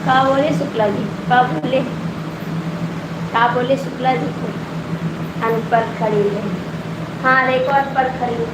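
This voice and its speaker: A woman with an Awadhi accent chats slowly with viewers in a phone live stream, her voice set high. She teases people and keeps coaxing them to comment. The room echoes, and a loud air cooler roars behind her. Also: fairly even intonation, very noisy. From Awadh region, India. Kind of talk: casual chat with live viewers.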